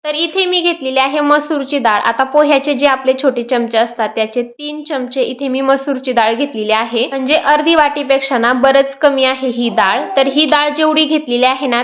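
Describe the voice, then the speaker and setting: High-voiced young woman explaining a recipe. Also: normal speed, few pauses. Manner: sing-song baby talk to her child; plain step-by-step recipe explanation. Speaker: vlogger mother. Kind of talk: home cooking vlog.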